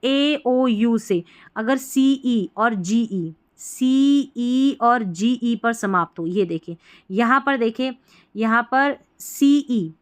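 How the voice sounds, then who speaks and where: A woman's voice: on the high side, animated, extremely slow. Patient woman teaching spelling rules. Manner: patient, repeats each point several times. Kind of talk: screen-based spelling lesson.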